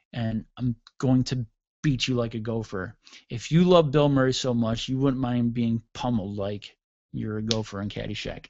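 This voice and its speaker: A man's voice: medium pitch, dry recording, highs cut off. A middle-aged man hosting a radio show, delivering a sarcastic, mocking comedic rant on his own.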